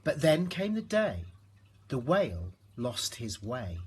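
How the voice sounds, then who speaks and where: A man reading a rhyming children's storybook aloud in an expressive narrating style. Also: medium pitch, slow, slightly rough. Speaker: storybook reader.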